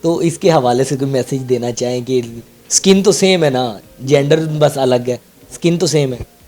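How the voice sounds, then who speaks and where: A man's voice: mid-range voice, moderate pace, mellow. A man with a Pakistani Urdu accent, hosting a show and interviewing staff at a clinic, talking casually and turning to address viewers. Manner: conversational, addresses viewers directly. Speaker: interview host. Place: skin clinic.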